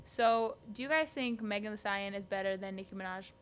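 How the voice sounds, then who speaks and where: A young woman co-hosting a podcast, chatting in an animated way with lots of "like" fillers. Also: mid-range voice, fairly quick, slight background noise. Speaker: podcast co-host. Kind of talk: casual chat.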